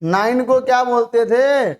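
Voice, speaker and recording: This online chemistry teacher speaks at a medium pitch, asking each question out loud and answering it straight after. To make terms stick, the teacher spells them out and repeats them slowly.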